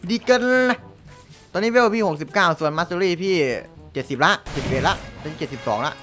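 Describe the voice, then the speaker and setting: A young man narrates his game with a bright, forceful voice that leaps around in pitch. He talks excitably, laughs often and drops crude slang. Light music plays underneath. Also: fast talker. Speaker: gaming YouTuber host. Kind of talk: casual gameplay chat. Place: home room, rain outside.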